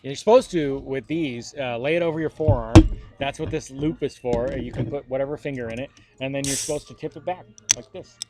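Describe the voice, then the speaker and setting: A man's voice: medium pitch, fairly quick. A man from Florida co-hosting a casual chat, laid-back and jokingly dry. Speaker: co-host. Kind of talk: casual chat while drinking. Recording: faint background noise.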